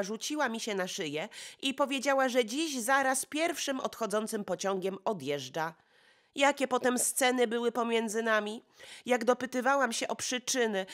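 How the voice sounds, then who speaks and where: Excitable gossipy society lady, breathless and exclaiming, voiced by a woman reading an audiobook. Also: a little high.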